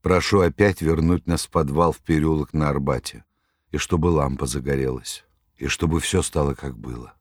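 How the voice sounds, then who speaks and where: A man's voice: very deep voice, moderate pace, dry recording, studio quality. A man voicing a devoted, fierce woman in an audiobook. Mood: pleading. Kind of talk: audiobook reading.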